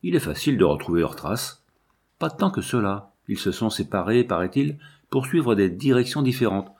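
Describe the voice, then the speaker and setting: A man's voice: fairly low pitch, big pitch swings, moderate pace, darkish tone, slightly rough, heavily acted. A man reading aloud and voicing a grave, officious country gendarme who questions children. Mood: matter-of-fact. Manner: grave, interrogating.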